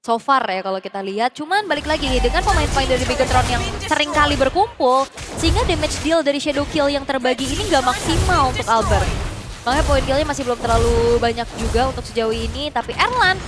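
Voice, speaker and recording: A woman with an Indonesian accent gives animated, conversational analysis as a live esports commentator, mixing in English gaming jargon. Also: high voice, quick pace. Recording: music behind the commentary.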